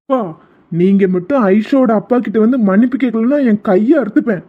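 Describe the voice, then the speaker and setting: A man's voice: very high voice, a little fast. A man voicing a desperate, lovesick younger son who pleads and then turns fierce and bitter. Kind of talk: Tamil cartoon voice acting. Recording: tinny phone-like lo-fi audio.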